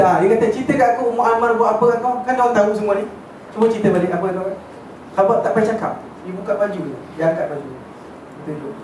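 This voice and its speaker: A man with a high-pitched, slightly mellow voice teaches a religious class as casual storytelling, chatty and often checking in with his listeners while mixing in English words. The mic is distant in an echoey hall, with faint noise.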